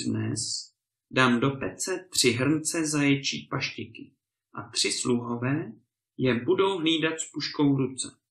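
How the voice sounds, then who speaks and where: A greedy, ill-tempered landowner from a storybook, stern and threatening, voiced by a man reading the tale. The voice is gravelly and bright. It is recorded in a room with clear echo. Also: mid-range voice, natural voice. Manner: stern, threatening, bursts of anger. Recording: echoey room.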